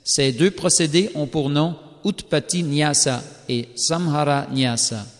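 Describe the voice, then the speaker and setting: A man reads a sacred text aloud in a slow, solemn, carefully measured recitation. His voice sits a little higher than most men's, and a long reverb hangs after each phrase. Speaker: scripture reader. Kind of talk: scripted scripture reading. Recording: long reverberant hall sound.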